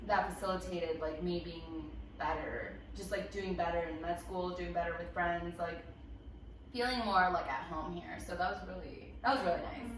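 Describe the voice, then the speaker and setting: A woman in her twenties from Peru chats casually as a guest. She speaks in a lowish voice, thoughtful and halting, with frequent fillers. The sound is distant and very echoey. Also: a bit bright, a little hiss or hum. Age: 20s. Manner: reflective, halting, many fillers. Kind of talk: casual chat. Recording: echoey room, mic far off.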